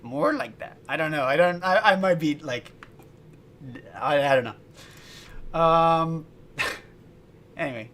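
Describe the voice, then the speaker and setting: A man's voice: fairly high pitch, slow, long pauses, fairly bright tone, a little hiss or hum. A man chatting casually on a livestream while making music, laughing often and restarting his sentences. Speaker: streamer and musician.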